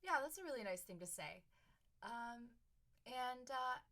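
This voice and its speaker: Woman, tabletop game player, soft reassuring talk, fillers, slightly high voice, bright tone. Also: expressive, measured pace.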